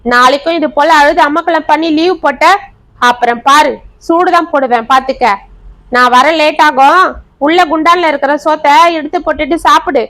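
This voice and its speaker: A woman's voice: high voice, little pitch movement, a little fast. Woman doing a harsh scolding mother. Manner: sharp, threatening scolding.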